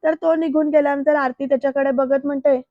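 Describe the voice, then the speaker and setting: A woman's voice: sits high, flat delivery, quick pace, dry recording. A woman narrating a voice-over recap of a TV serial and addressing her viewers, on a dull, dry recording.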